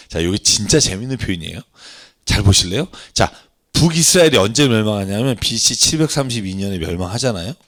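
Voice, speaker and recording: Male pastor teaching scripture at a middle pitch with big, animated swings, voicing the figures of the passage and quizzing the room. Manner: animated, acts out God's and people's words in dialogue; asks the audience questions, laughs at himself. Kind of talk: Bible reading lecture.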